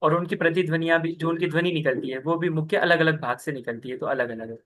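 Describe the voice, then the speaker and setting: This young man's voice is a little high and somewhat bright, and he talks fast while teaching scripture by video call. Taking students patiently through each step, he checks in with them constantly, often saying "ठीक है".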